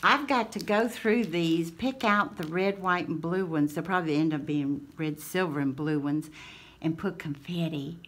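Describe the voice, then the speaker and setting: A woman's voice: on the low side, normal speed. A woman, chatting casually and affectionately to her craft channel viewers in a folksy drawl. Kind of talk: casual chat to camera.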